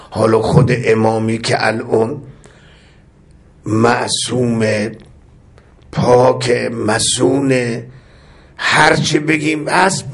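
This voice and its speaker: A man's voice: medium pitch, vocal fry. A man preaching a religious sermon with rhythmic, impassioned repetition, weaving in recited Arabic prayer phrases.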